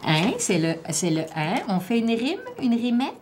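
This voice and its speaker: A woman teacher with a Québécois French accent, slowly and patiently prompting a child through a one-on-one reading assessment. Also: on the high side, sing-song, a little mellow. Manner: slow, patient, drawn-out word-by-word prompting. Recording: faint background noise.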